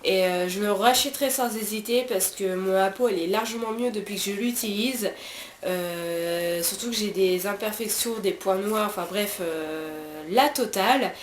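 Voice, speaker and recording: A woman's voice: medium pitch, moderate pace. A French woman with a French accent chats through a beauty product review at home, her words full of little fillers and false starts. The room gives her voice a roomy echo, and a faint hiss sits underneath. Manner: chatty, many fillers and restarts. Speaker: beauty vlogger.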